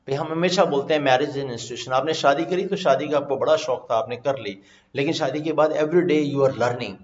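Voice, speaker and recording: A man with an Indian accent teaching vocabulary over slides, mixing Hindi and English and slowly repeating his explanations. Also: a little high. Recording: echoey, slightly dull recording.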